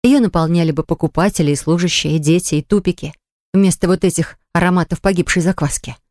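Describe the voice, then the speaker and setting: A woman narrating an audiobook in an even, measured reading. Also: on the low side, dry recording, studio quality. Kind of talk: scripted narration.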